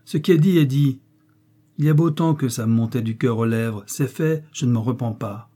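A man's voice: mid-range voice, brisk, mellow, lightly acted. A man voicing a harsh, bitter older peasant mother-in-law who scolds in a raised voice in an audiobook. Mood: defiant. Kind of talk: audiobook reading.

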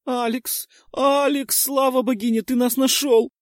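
A crafty little girl pleads in high, breathless, sobbing bursts that climb far above a grown man's range, faking her terror, as a male audiobook narrator puts her on. The recording is close and dry, with no room sound. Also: level tone, a little slow, no echo. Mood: fake tearful. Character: crafty eleven-year-old girl feigning tearful fright. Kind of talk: audiobook character voice.

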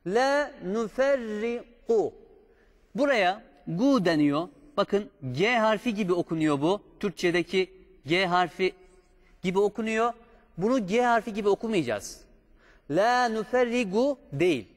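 Male recitation teacher, high-pitched, unhurried, patient pronunciation drills, reverberant sound. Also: expressive. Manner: slow, patient, drawn-out chanted recitation of examples. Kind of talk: step-by-step pronunciation lesson.

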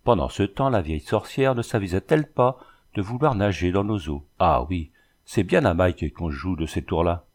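A man reading an adventure novel aloud with a lively, dramatic delivery. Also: low voice, moderate pace. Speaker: audiobook reader. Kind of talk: storybook narration.

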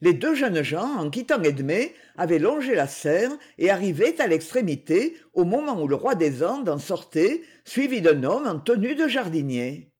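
A narrator reading a novel aloud in an expressive, storytelling way. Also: male voice, high voice, moderate pace, few pauses, husky. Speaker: audiobook reader.

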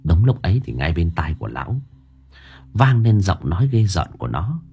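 A man's voice: low-pitched, sing-song, moderate pace, mellow, slight background noise. A man narrating an audiobook story in a dramatic storytelling manner.

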